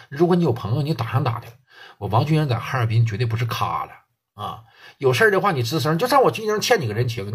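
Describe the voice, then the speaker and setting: A man's voice: fairly high pitch, a bit bright, breathy edge, heavily acted. A man doing a pleading gangster. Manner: pleading, placating, earnest. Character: humbled male gangster, pleading to save face.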